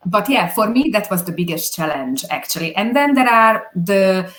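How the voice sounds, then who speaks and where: A woman with a Hungarian accent, a non-native English speaker appearing as a guest and videographer, answers interview questions hesitantly with many fillers. Her mid-range voice is animated and a bit bright, at a normal speed.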